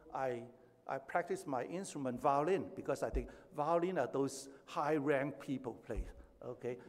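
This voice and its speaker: A Hong Kong pastor in his seventies preaches a sermon, mixing emphatic rising stretches with chatty personal asides. His mid-range voice is a little mellow, and the hall is echoey with long reverb.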